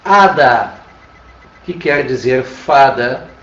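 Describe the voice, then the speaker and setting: A Brazilian man teaches a Spanish lesson online in a patient, check-in manner. His voice sits fairly high for a man. He sounds set back from the mic in an echoey room, with a dull, lo-fi tone. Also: expressive, unhurried. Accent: Brazilian Portuguese. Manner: patient, repeats "tá?" often. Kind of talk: online class lecture. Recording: roomy, distant, dull lo-fi sound.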